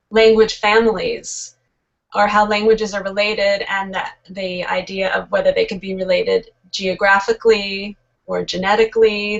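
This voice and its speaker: A Californian woman, a librarian taking an online course, talks casually in a discussion over a video call. Her medium-pitched voice is fairly bright, with vocal fry and a Californian accent, and the call audio is muffled and lo-fi.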